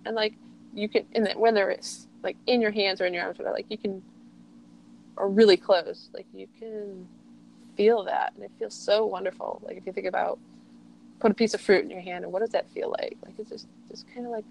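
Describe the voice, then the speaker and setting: A woman's voice: mid-range voice, steady tone, fairly quick, vocal fry, a little mellow, slight background noise, poor audio. A middle-aged woman talking in a reflective, rambling way as an interview guest, peppering her speech with "like.". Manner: rambling, heavy use of "like". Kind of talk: reflective casual conversation.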